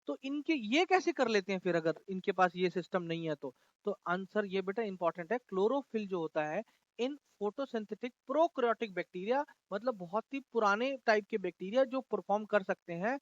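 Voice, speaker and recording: A man teaching a school class in a chatty way, often calling students "beta" and reading textbook lines slowly. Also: high-pitched, no room sound, highs cut off. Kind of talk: classroom lesson.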